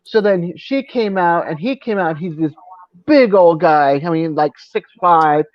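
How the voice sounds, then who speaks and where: High-pitched guy on a live chat, dry dull sound, chatty storyteller. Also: measured pace, dry recording. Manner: animated storyteller, laughs often.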